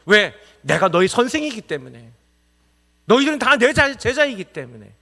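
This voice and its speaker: A middle-aged male pastor delivers a Sunday sermon in a very high-pitched, very animated voice that is bright and forceful, with vocal fry, at normal speed. He poses rhetorical questions to the congregation and builds to emphatic exclamations.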